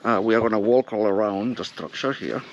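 Filming on an action camera, a male explorer offers casual, unhurried commentary as he climbs around an abandoned, unfinished concrete building outdoors, plainly describing what he sees. His voice is fairly low, the highs are cut off, and there's slight background noise.

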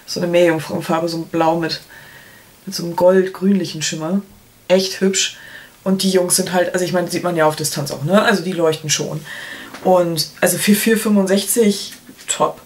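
This is a beauty vlogger in her thirties, filming a product review from a small room at home and chatting casually with playful colloquial asides. Her voice is lowish and steady, at a moderate pace. Background noise and clicks come through clearly.

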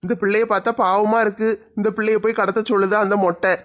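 A man's voice: high voice, flat delivery, quick pace, fairly bright tone. A man voicing a guilty, reluctant kidnapper muttering to himself in a cartoon. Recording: dull lo-fi sound.

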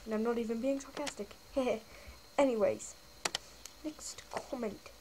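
High-voiced young woman reading comments. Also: unhurried, background noise. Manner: chatty, giggly, reads comments aloud and answers them. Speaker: channel host. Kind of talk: casual comment-reading vlog.

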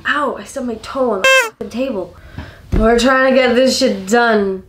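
A woman's voice: fairly high pitch, moderate pace. A giggly, drunk woman in her twenties rambling casually to camera while doing her makeup. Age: 20s. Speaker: makeup vlogger. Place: small home kitchen, indoors. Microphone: camera a step or two away. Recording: echoey room, camera mic.

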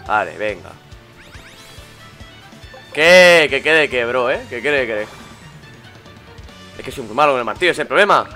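A man's voice: medium pitch, brisk, long pauses, soft background music. A man with a Spanish accent from Spain, commenting on a video game as he plays and reading its dialogue aloud. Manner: excitable, reads game dialogue aloud between loud reactions. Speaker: let's play host. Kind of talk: gameplay commentary.

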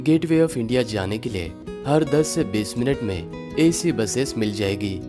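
In a steady, informative voice-over, a travel vlogger narrates a travel guide at a slow pace and a middle pitch. Clear plucked guitar music runs beneath his voice throughout.

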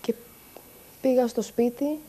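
A woman giving a halting, distressed personal testimony about harassment. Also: a little high, steady tone, warm tone. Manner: halting, distressed, with pauses and restarts. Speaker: interviewee recounting harassment.

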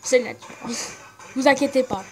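A woman's voice: high-pitched, moderate pace, poor audio. A young woman casually commenting on a rhythm game, giggling and poking fun at herself. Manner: giggly, self-mocking, chatty. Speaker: gaming channel host. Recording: game music playing softly behind. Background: faint game music.

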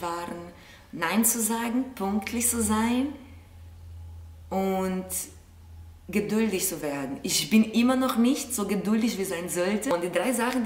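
A young woman from Brazil, speaking with a Brazilian Portuguese accent in a mid-range voice, answers viewer questions for her vlog. She sits on her living-room sofa, chatting thoughtfully to camera and gesturing a lot with her hands, while the distant camera mic gives the audio a roomy feel.

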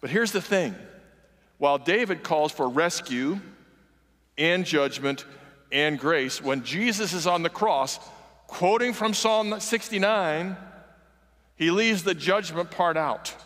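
A guest preacher in his sixties delivers a slow sermon in a large church sanctuary, his fairly high voice carrying a long, reverberant echo through the hall. His preaching is earnest and conversational, and he gestures animatedly as he walks the stage.

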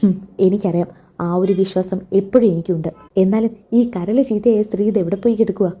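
A woman voicing a loud, scheming middle-aged mother who scolds and plots, with a husky, dark voice. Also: medium pitch, fairly even intonation, fairly quick, natural voice.

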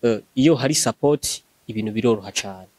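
Fast-talking young man, earnest. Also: on the low side, a little mellow, no room sound. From Burundi. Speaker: leader of a gospel singing group. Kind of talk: interview answers.

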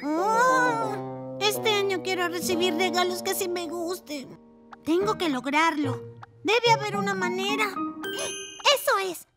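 A woman's voice: very high-pitched, lively intonation, takes it slowly, exaggerated voice. A woman voicing a small, scheming, eager cartoon bird with a theatrical sing-song delivery. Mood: plotting, excitable. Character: small excitable pink bird, scheming birthday boy. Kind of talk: children's cartoon dubbing. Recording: children's music behind the voice.

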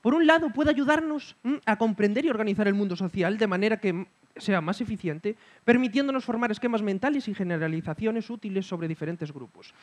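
A man's voice: high voice, brisk. A man giving a reflective conference talk, often checking in with his listeners with a questioning hum. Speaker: speaker at a talk.

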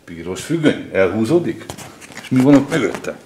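A man's voice: on the low side, big pitch swings, a little mellow, a little hiss or hum. A middle-aged man giving a curious, chatty running commentary while exploring an abandoned building with his children. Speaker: father exploring with his kids. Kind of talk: casual exploring vlog.

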